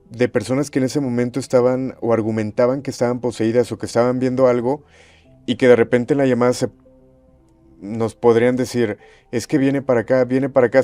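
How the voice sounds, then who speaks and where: A man, a former radio host, recounting eerie on-air calls in a measured storytelling way. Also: medium pitch, darkish tone, dry recording. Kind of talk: storytelling interview chat.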